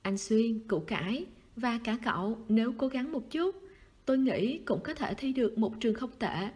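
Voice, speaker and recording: Woman voicing a soft wistful schoolboy. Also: lively intonation, moderate pace, breathy edge. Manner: soft, low-key, sighing. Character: wistful teenage schoolboy, quiet and clingy.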